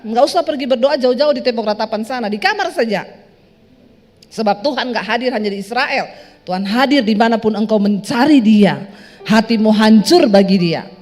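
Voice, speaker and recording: A woman pastor preaching a sermon in a lively, joking way, speaking straight to her congregation. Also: fairly high pitch. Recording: reverberant hall with soft music.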